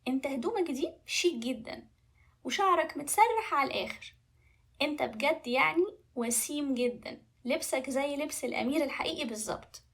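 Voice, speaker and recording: A woman with an Egyptian Arabic accent voices a clever, brave young princess in a children's story. Her high voice is animated, a little fast and a bit bright. The mood is coaxing: she starts sweet and coaxing, then turns firm.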